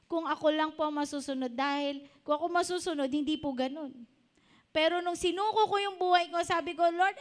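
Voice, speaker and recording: A woman in her fifties giving an earnest, personal testimony sermon in a church, switching into English now and then. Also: high voice. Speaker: preacher.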